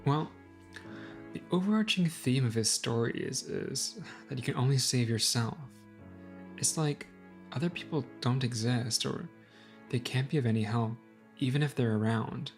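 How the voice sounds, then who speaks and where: Gravelly woman reading a visual novel. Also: a bass voice, normal speed, darkish tone, soft background music. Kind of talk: visual novel read-aloud narration.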